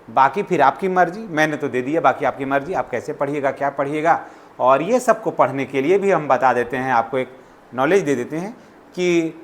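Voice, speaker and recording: Guy with rattling off syllabus topics, voice on the high side. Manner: lists topics in rapid repetitive instructions. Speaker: channel host. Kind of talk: exam syllabus explainer.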